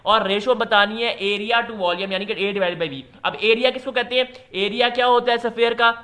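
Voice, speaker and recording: A man with a Pakistani accent, explaining entry test questions as a tutor in a loose, chatty way, reading English questions out slowly. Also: high-pitched, bright, forceful tone. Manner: switches to slow, deliberate pace when reading English questions; loose, chatty teaching with fillers.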